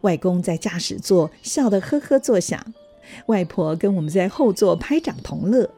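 Husky-voiced woman storyteller. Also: mid-range voice, normal speed, faint music behind. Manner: gentle, even storytelling. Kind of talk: scripted storybook narration.

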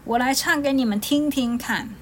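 A woman voicing a brave, cheeky boy hero, speaking in a lively, teasing way. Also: sits high, normal speed, slight background noise, pitched above the performer's own voice, close to an everyday voice.

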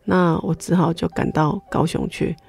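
A woman's voice: on the low side, normal speed, creaky, soft background music. A middle-aged woman with a Taiwanese Mandarin accent, giving her personal faith testimony as an interview guest, telling it with lots of exclamations. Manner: animated storytelling with many exclamations.

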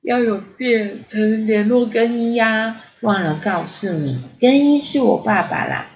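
A woman voicing a curious little boy in a storybook reading, with a bright, helpful, childlike manner. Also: a little high, unhurried. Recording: slightly dull lo-fi audio.

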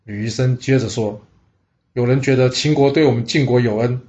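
Male storyteller of mid pitch, chatty and exclaiming, dull lo-fi recording. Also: fairly quick, dark tone. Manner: chatty, asides to the listener, exclaims "哇". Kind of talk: casual historical storytelling.

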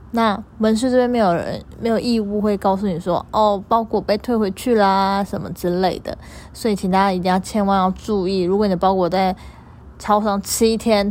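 A young woman who works as a store clerk tells her followers a story, chatty and animated, repeating things for emphasis. Her voice sits in the mid range.

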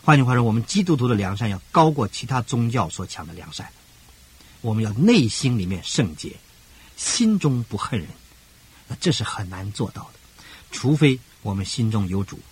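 An older man preaching a radio sermon as pastor, emphatic, with rhythmic parallel phrasing and sudden rises in pitch. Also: big pitch swings, normal speed, husky.

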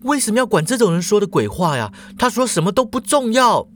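A man's voice: on the high side, expressive, moderate pace, voice pushed up, natural voice. A man voicing a frightened queen who pleads in a raised, agitated voice.

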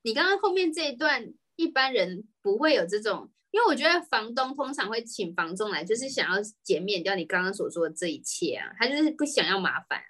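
Taiwanese mandarin woman chatting away, opinionated and emphatic, medium pitch that goes up and down a lot. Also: very animated, brisk, hardly any pauses, pushed and bright. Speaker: podcast co-host. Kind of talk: casual chat.

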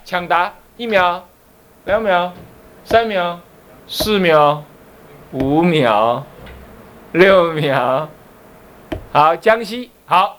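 His voice sits high and a bit bright, with a little background hiss or hum. He's a Taiwanese-accented Buddhist abbot leading a spirited class, firing questions at listeners and teasing them playfully on the side.

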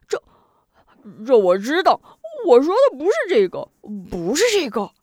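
A woman voicing a dim-witted, excitable male fighter who stammers and insists on his point. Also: high voice, measured pace, no room sound, studio quality, pitched above the performer's own voice. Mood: flustered.

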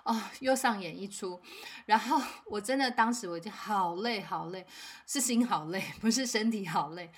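A mother hosting a parenting podcast, telling a home story in a calm, measured way with soft, weary asides. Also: mid-range voice, breathy edge.

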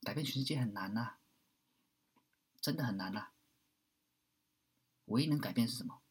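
A man giving a blunt, preachy monologue, swearing at times and swinging between loud outbursts and hushed asides. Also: medium pitch, normal speed, husky. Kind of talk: impassioned monologue.

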